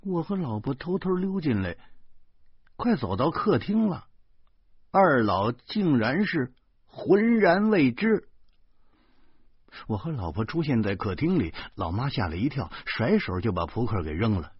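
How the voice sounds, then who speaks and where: A man reading a novel aloud, telling it in a lively, wry way. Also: mid-range voice, a little slow, husky, dry recording, lo-fi sound. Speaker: audiobook narrator. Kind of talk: novel reading with voiced dialogue.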